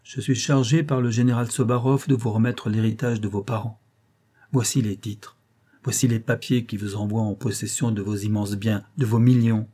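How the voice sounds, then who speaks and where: A grave, dutiful detective speaks in measured, serious tones, read by a man in an audiobook. His voice is mellow and dark, slightly husky. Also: fairly low pitch, fairly even intonation, natural voice. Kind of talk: audiobook reading.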